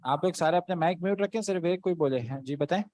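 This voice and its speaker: A man's voice: fairly high pitch, darkish tone, no room sound. A man teaching an Arabic class online in Urdu, patiently explaining words and checking in with his students. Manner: patient, keeps checking with "okay". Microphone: online video call.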